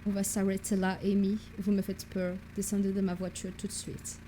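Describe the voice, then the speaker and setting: A woman voicing a formal English gentleman professor. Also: mid-range voice, flat delivery, a little hiss or hum, voice pushed down, close to an everyday voice. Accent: put-on English accent in French. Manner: formal, polite and measured. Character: courteous British gentleman professor, man, middle-aged. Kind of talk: reading game dialogue aloud in voices.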